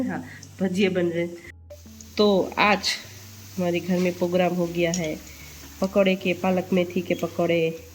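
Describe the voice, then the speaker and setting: A woman's voice: on the low side, slight background noise. A young woman, chatting casually through a home vlog and laughing at herself. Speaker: vlogger. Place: family home, indoors and on a rooftop.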